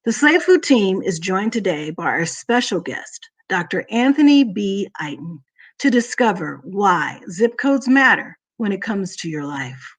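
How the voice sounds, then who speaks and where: A woman moderator reading a formal, measured introduction of a guest. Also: mid-range voice, very animated, husky. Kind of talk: scripted introduction.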